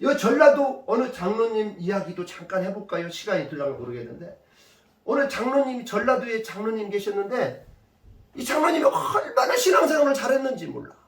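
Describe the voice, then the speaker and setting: A male pastor preaching a sermon and telling stories, pressing points home with rhetorical questions to the congregation. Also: high-pitched. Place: church sanctuary. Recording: echoey church from a distance.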